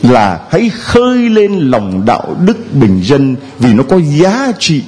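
Lively teasing priest, man preaching. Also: a little high, takes it slowly. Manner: teasing, playful with the congregation. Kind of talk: sermon. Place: church.

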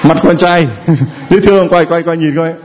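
A man who is a priest, giving a sermon and teasing people in the audience, sometimes chanting prayer lines slowly. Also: a little high, fairly even intonation, slight background noise. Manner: teasing, jovial, slow chant-like prayer phrases.

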